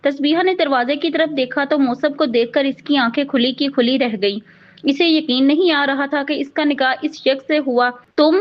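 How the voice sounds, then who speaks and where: A woman narrating a romance novel in a steady, even storybook reading. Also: high voice. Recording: dull lo-fi audio.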